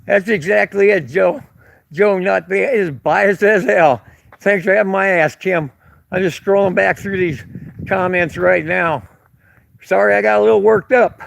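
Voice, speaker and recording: Gravelly, high-voiced angry man streaming. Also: unhurried, fairly bright tone, a little hiss or hum. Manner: angry, profane, sarcastic, with chuckles. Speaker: livestreamer filming local police. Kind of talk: live-streamed rant reading chat comments. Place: outdoors on a street corner. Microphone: handheld camera.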